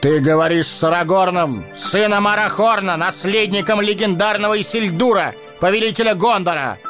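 A man's voice: mid-range voice, lively intonation, moderate pace, faint music behind, lightly acted. An actor playing a noble warrior and heir to a throne who speaks solemnly and declaims his lines. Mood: commanding. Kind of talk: audio drama acting.

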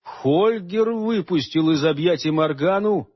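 A man narrating a fantasy audiobook in a measured, expressive reading. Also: a little high. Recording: dull lo-fi radio recording.

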